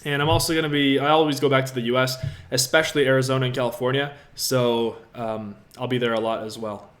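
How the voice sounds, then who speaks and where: A young man in his twenties, originally from Latvia, hosts a casual livestream from a room in his apartment. He answers viewer questions in an upbeat, motivational way, at an average pitch for a man, and talks straight to the people watching. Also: little pitch movement, fast, fairly bright tone. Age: 20s. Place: apartment room with a city view.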